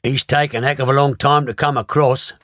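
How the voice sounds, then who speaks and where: A man voicing a gruff, exasperated father who speaks bluntly. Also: medium pitch, fairly even intonation, fairly quick, no echo, studio quality, lightly acted. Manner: blunt, sharp.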